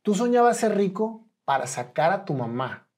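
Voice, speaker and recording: A man's voice: high voice, sing-song, moderate pace, a little mellow, husky. Man hosting an interview, attentive, with frequent affirmations. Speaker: interview host. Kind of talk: friendly interview questions.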